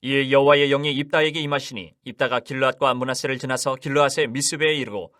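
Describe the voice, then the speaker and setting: A man steadily reads scripture in a formal, even recitation. He is sped up to a brisk, rapid pace. The recording is dry and close, with no room sound. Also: medium pitch, no echo. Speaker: Bible reader. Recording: sped up 1.4 times.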